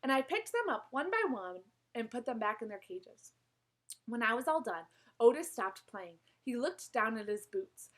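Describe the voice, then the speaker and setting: Expressive woman reading a storybook aloud, fairly high, lively pitch, small slips. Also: normal speed, poor audio. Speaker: reader. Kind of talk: reading a children's novel aloud.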